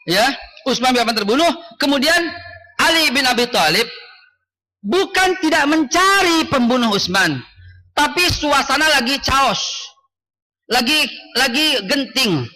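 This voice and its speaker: A man's voice: very high-pitched, pushed and bright, low-quality recording. A man preaching a mosque lecture to a congregation, emphatic, with a repetitive chanting cadence.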